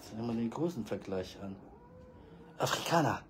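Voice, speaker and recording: A man with a fairly low voice chats fondly to his viewers and the kittens on his balcony, now and then scolding a rowdy one. He is recorded on a handheld phone outdoors. Clear outdoor noise runs under his voice throughout. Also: steady tone, normal speed. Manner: fond, chatty, talks baby-talk to kittens and scolds them. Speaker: cat rescuer filming his balcony cats. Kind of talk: casual vlog talk to viewers and cats.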